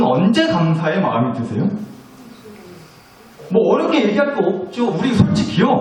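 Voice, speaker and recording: A male pastor preaching a sermon in a chatty, confessional way, joking with his congregation. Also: high-pitched. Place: church sanctuary. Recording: echoey church hall, mic at a distance.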